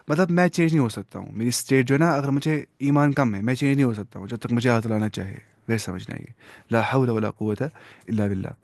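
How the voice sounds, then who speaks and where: Speaking in a mid-range voice, a man runs an Arabic language lesson like a classroom, patiently testing students, praising their responses, and weaving in English words. The audio is studio quality without echo.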